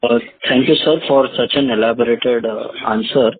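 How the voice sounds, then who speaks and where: A man's voice: mid-range voice, fairly even intonation, moderate pace, husky. A man, an analyst on a conference call, asking polite, hesitant questions full of fillers. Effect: heard over a conference call line. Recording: tinny conference call line.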